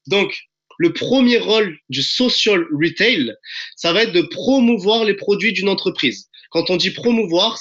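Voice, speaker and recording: A man delivers a hyped sales pitch over a video call from his home, pressing his listeners and calling them friends. His voice sits high and sounds bright and forceful. The call audio is dull and lo-fi. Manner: enthusiastic and pushy, addresses audience as friends. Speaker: presenter of a recruiting webinar.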